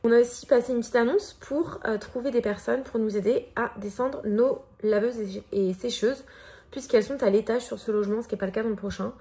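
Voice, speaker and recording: Chatty French woman with a gravelly edge. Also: a little high, steady tone, fairly quick, mellow. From France. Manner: chatty, hesitant with frequent fillers. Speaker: vlogger. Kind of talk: casual vlog chat.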